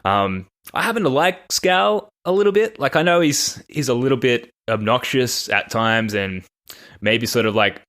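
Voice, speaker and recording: Aussie guy hosting a sports podcast, lowish voice, kinda rambly, laughs at himself. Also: a bit bright. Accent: Australian. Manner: rambling, self-deprecating, laughs often. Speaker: podcast host. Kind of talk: casual sports chat.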